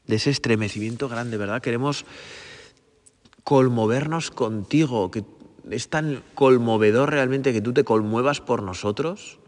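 A man giving a gentle, prayerful sermon, often repeating phrases and asking his listeners for agreement. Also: mid-range voice, measured pace, big-room sound. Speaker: priest. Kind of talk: meditative sermon.

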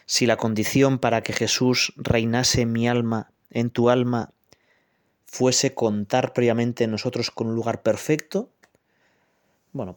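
A priest delivers a homily in a chatty, personal manner, tossing out rhetorical questions and short checks with his listeners. His voice sits at an ordinary male pitch. The recording is close and dry, with no room sound. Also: dry recording. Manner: conversational, rhetorical questions with frequent "¿eh?" and "pues".

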